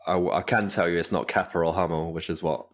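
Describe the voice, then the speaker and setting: A man's voice: low voice, steady tone, quick pace. A man co-hosting a football fan podcast in casual chat, rambling through asides and laughing often. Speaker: podcast co-host.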